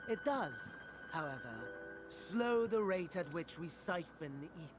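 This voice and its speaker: A man playing a scheming, courtly game villain, mocking and morbidly delighted, with mannered formal phrasing and dramatic pauses. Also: high-pitched, lively intonation, over music. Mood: measured scheming. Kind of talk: dramatic video game voice acting.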